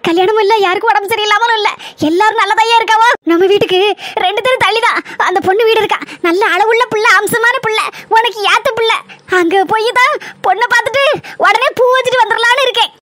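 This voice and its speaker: A woman's voice: extremely high pitch, fast talker, a bit bright, no echo. Woman voicing a bossy Kanyakumari mother. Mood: insistent. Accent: Kanyakumari Tamil. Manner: pleading, then domineering and scolding. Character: worried insistent village mother. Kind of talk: cartoon voice acting.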